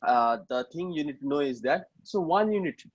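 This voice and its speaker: A man's voice: a little high, expressive, moderate pace, dry recording. A man with a Nepali accent teaching an online lesson informally, often repeating himself and checking in with short tags. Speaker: math teacher. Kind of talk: online lesson, explaining informally with code-switching. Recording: dull lo-fi online class audio.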